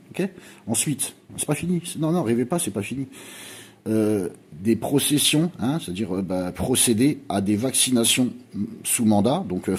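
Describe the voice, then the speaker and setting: A man's voice: lowish voice, dark tone, husky. A middle-aged man ranting on his video channel, insistent, constantly urging his viewers and repeating himself. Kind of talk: agitated conspiracy vlog.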